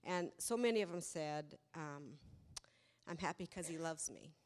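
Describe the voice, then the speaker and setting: A woman volunteer recounting a children's activity to a congregation, halting and restarting as she tells it. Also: deep voice, animated, a little mellow. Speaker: church volunteer. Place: church sanctuary. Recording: echoey church hall.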